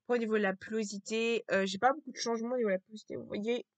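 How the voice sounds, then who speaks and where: A woman talking to camera in a casual vlog with a low, strained voice, hesitant and repetitive, full of fillers and restarts. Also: steady tone, very fast, no echo. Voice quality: low, gravelly voice.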